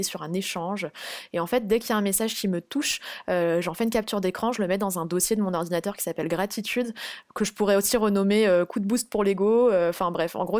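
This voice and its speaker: A woman's voice: fairly low pitch, dry recording, clean studio sound. A young adult woman, a freelance guest on a podcast interview, explaining things step by step with frequent hesitations.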